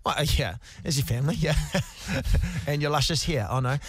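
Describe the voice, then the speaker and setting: Male Kiwi radio host, casual banter, slightly high voice, dry studio sound. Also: normal speed, breathy edge, dry recording. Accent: New Zealand.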